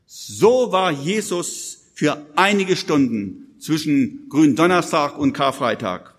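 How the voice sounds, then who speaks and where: A man's voice: high voice, breathy edge, long reverb tail. A man preaching a live sermon, urgent and emphatic, speaking straight to his listeners. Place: church hall with audience.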